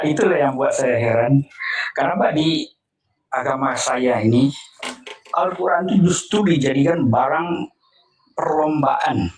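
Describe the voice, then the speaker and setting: Earnest high-voiced man, echoey and distant. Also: slight background noise. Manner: earnest, questioning, repetitive. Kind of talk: casual call-in discussion.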